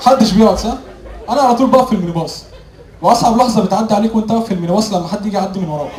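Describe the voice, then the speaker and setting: A man with a Cairene Egyptian accent delivers observational stand-up at a very rapid clip. His voice sits high for a man as he acts out little exchanges. It rings around an echoey live room with a laughing crowd. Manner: animated storytelling, acting out short dialogues. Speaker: stand-up comedian. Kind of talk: observational stand-up comedy routine. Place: live comedy venue with audience.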